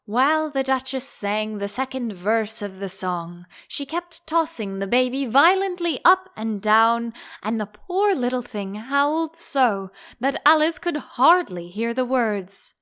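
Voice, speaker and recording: A woman narrating a storybook as an audiobook reader, in an expressive style. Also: on the high side, measured pace, few pauses.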